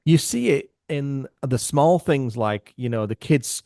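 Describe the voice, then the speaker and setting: A middle-aged man talks as a podcast guest in a dry, close-miked voice of middling pitch. He tells his stories with animation and casual swearing, shifting his voice to act out other people. His tone stays loose and conversational. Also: expressive, a little slow, gravelly, warm tone, dry recording. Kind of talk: casual storytelling chat.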